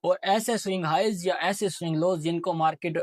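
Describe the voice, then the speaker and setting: A man's voice: high-pitched, steady tone, fairly quick, no room sound. Guy explaining trading charts, asks himself stuff then answers, dry close sound. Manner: explains while marking a chart. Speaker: trading teacher. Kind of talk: casual explanatory lesson.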